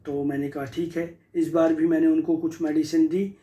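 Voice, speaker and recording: A man's voice: fairly high pitch, little pitch movement, normal speed, dark tone, low-quality recording. A man, a homeopathy doctor, walks through a patient's case as a lesson. He slips from Hindi into English phrases, repeats himself and leans on fillers.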